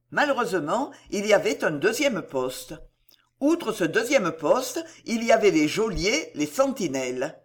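An audiobook narrator who reads with drama and vivid colour, the pitch rising and falling widely from phrase to phrase. The voice sits at a medium pitch and carries the action of the scene. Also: husky. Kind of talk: scripted narration of a historical adventure novel.

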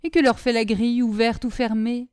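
Woman doing an impatient mistress of the house: sharp, cross questioning, pitched up. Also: level tone, fairly quick, clear, resonant tone, no room sound, clean studio sound, close to an everyday voice. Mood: irritated. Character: stern, irritated lady of the house.

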